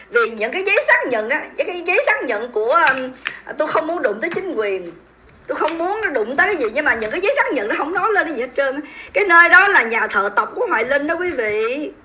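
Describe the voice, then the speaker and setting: A woman with a Southern Vietnamese accent hosts a livestream and comments on the news. She talks to her viewers in a high voice with a bright, sharp edge. Her delivery is emphatic and scornful. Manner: emphatic, indignant, mocking, speaks straight to viewers. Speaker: livestream host.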